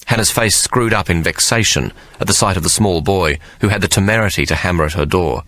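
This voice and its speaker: Deep-voiced male audiobook narrator. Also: a little fast, fairly bright tone, no room sound. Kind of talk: scripted narration.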